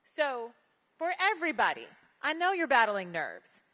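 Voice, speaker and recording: Animated bright-voiced woman coaching. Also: sits high, measured pace, in a large hall. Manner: animated, direct, uses slang. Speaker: pitch coach. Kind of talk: coaching feedback at a rehearsal.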